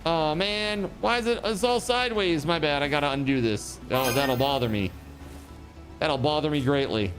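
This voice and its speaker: A man livestreaming and chatting casually with viewers, giving shout-outs in an excitable, hyped way with repeated words and exclamations. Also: fairly high pitch, normal speed, faint music behind, low-quality recording. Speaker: live game streamer.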